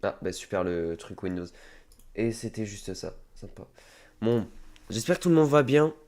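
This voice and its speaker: A man's voice: on the low side, expressive, normal speed, darkish tone. A man with a head cold casually chatting to viewers while streaming a game. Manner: chatty, rambling, talks to viewers. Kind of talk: casual let's-play commentary. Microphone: desk microphone.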